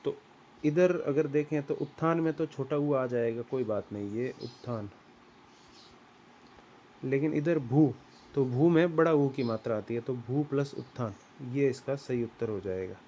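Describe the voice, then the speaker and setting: A man teaching grammar, explaining slowly and deliberately and repeating words as he writes them out. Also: mid-range voice, dark tone, a little hiss or hum. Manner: slow and deliberate, repeats words while writing. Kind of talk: explaining at a whiteboard.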